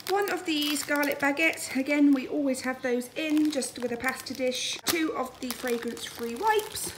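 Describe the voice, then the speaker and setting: Background noise accompanies a slightly high female voice as she chats informally through a grocery haul. She's a family vlogger in her thirties from the United Kingdom, British-accented, at home in her dining room.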